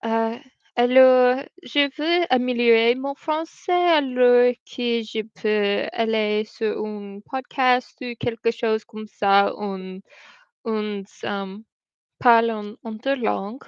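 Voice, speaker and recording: Reading out viewer comments and drifting between French and English, this young livestream host speaks slowly in a slightly high, clear, resonant voice with fairly even intonation. There's no room sound, just dull, dry home stream audio.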